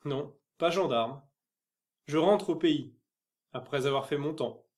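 A man voicing a kind former soldier in an audiobook, gentle with a child and firm with others. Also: a little high, slow pace. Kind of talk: audiobook character reading.

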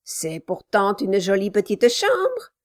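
A woman's voice: medium pitch, wildly swooping pitch, slow pace. A woman reading an audiobook, voicing a malicious, cruel dwarf man who barks orders and taunts with mock sweetness. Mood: mock-sweet.

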